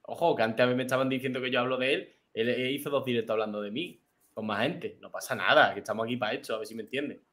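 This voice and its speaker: Bright-voiced man hosting a livestream. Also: medium pitch, fairly even intonation, fast. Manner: chiming in with short agreements, blunt. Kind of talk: casual livestream chat.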